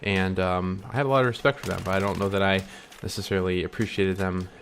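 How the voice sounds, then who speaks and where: Deep-voiced young man musing earnestly. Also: steady tone, fast talker, creaky, a little hiss or hum. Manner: rambling, many ums and restarts, earnest; chewing candy while talking. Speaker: vlogger. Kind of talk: casual reflective monologue.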